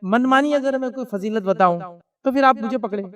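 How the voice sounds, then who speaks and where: Guy with a high voice giving a religious talk, tells little stories to explain, sounds kinda far from the mic. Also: a bit bright. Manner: explains by asking himself questions and answering them; tells everyday stories to make a point. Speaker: Islamic preacher. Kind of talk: religious lecture.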